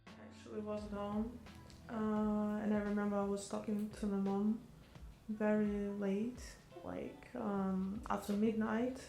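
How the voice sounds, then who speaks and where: A woman's voice: mid-range voice, flat delivery, a little slow, warm tone. A professional dancer, a woman, recalling events hesitantly in a documentary interview. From Ukraine. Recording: echoey room with faint music.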